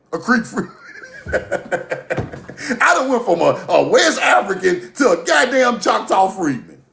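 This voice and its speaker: Gravelly and high-pitched, a Mississippi livestream host delivers an animated, profane rant, laughing in bursts through the heated monologue. His voice echoes in the room.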